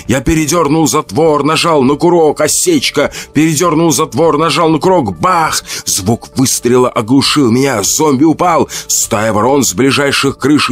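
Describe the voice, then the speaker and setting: A man narrating a first-person horror story in a conversational way, with fillers and asides to the listener. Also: a little high.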